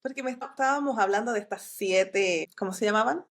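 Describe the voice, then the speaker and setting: A woman's voice: medium pitch, brisk. Woman host asking easy questions. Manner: friendly, conversational questions. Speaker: podcast host. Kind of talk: casual podcast conversation.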